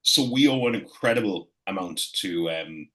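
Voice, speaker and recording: A man with an Irish accent talks casually as an interview guest. His voice sits low and has a bright, punchy edge, and he repeats phrases as he thinks back. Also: lively intonation, poor audio. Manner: halting, repeats phrases while reminiscing. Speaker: guest, wrestling ring announcer.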